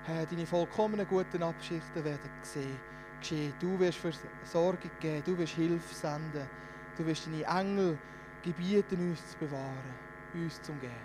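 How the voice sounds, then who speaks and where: Fervent Swiss German preacher, high voice. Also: male voice, moderate pace, in a large hall, noisy background. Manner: fervent, swings between hushed and loud. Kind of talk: sermon.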